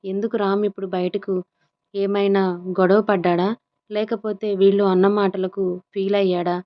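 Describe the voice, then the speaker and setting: A woman's voice: medium pitch, flat delivery, moderate pace, dull audio, lightly acted. A woman narrator voicing a protective older brother, fond yet scolding. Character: protective older brother, caring but angry.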